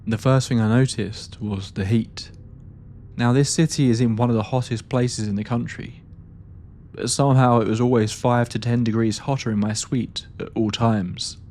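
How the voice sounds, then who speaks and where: A man narrating a first-person ghost story in a steady, measured reading style. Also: medium pitch, a little hiss or hum.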